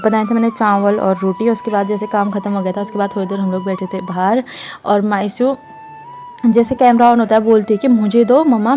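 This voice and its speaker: A woman's voice: medium pitch, dark tone. A young woman narrating a casual family vlog, often switching into coaxing baby talk with her toddler. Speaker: vlogger, mother.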